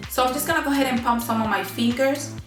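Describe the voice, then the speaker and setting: A woman's voice: high-pitched, fast. A woman vlogger with a bad cold and a honking, nasal, stuffed-up voice, chatting casually through a makeup tutorial. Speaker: beauty vlogger. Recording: roomy echo, music behind. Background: music.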